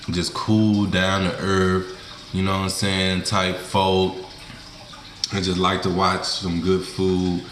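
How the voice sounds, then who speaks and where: Seated at a table in a small room, this young food vlogger from Mississippi chats casually with his viewers while eating on camera. His low-pitched voice carries a rural Southern accent and folksy, slangy phrasing, and the recording has an echoey room and background noise.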